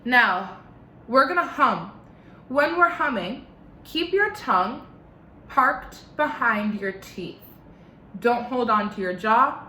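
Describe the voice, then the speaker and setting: Bright-voiced woman teaching singing. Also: a little high, lively intonation, slow, long pauses, roomy sound, slight background noise. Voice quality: slight lisp. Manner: encouraging, step-by-step instructions. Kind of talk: online singing lesson. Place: living room at home.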